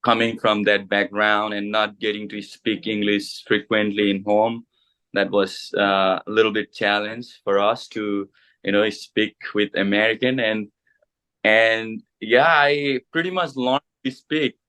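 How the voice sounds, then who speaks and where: A pastor in his thirties, from Bhutan and a native Nepali speaker, telling his story in an interview with many pauses, fillers and restarts. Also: on the low side, little pitch movement, bright, forceful tone, smooth. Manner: hesitant, many fillers and restarts, halting English. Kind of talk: casual interview.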